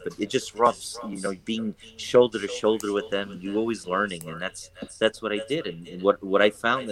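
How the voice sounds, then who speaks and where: A real estate broker, a native English speaker, chats casually in an interview, rambling with lots of fillers and restarts. His voice is on the low side, and the audio quality is poor.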